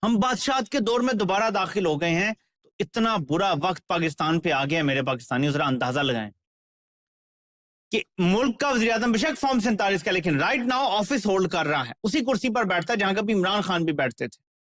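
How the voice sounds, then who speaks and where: A man delivers political commentary with a sarcastic edge. His voice is high for a man, and the recording sounds dry and close. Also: expressive, a little fast, fairly bright tone, no room sound.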